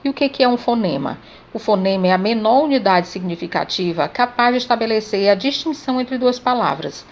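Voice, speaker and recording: A woman with a Brazilian Portuguese accent teaching a grammar lesson, speaking slowly and deliberately and spelling out sounds letter by letter. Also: a little high, expressive, muffled recording.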